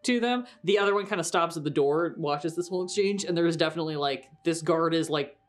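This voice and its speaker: A woman's voice: deep voice, fast. A woman narrating a tabletop game as game master, chatty and full of fillers and restarts.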